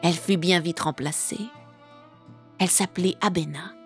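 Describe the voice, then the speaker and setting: A woman's voice: on the low side, fairly even intonation, normal speed, soft background music, lightly acted. A woman voicing a vengeful, menacing witch. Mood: storytelling. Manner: menacing, hushed growl.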